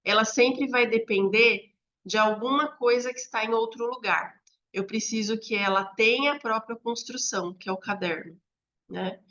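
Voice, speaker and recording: A Brazilian woman training teachers, explaining classroom methods step by step in a conversational way, often checking in with a quick "né?". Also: a little high, bright, forceful tone. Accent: Brazilian Portuguese. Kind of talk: instructional talk to teachers. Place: home room near a street. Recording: slightly dull lo-fi audio.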